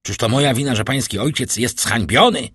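A man's voice: mid-range voice, fairly quick, a bit bright, breathy edge, no room sound, studio quality, voice pushed up. A male narrator voicing an older banker, frightened and indignant, who talks in a blustering, defensive way. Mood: threatening.

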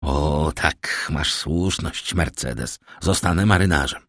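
Brief: jealous young soldier, bitter and brooding, low husky voice, played by a man. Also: slow pace, a bit bright, no room sound, clean studio sound, heavily acted. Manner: bitter, pleading.

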